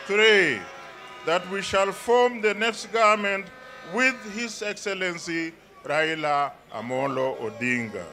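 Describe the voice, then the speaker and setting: An older man reads formal resolutions from a podium at an outdoor stadium rally. His voice sits high and bright, and he takes his time, stumbling over names now and then. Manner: deliberate, halting reading. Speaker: elder reading resolutions. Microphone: podium microphones.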